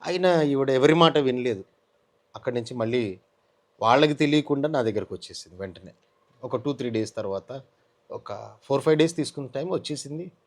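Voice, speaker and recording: A man with a Telugu accent, medium in pitch, speaks briskly but pauses often as he gives an emotional interview testimony. He tells his story animatedly, acting out other people's words.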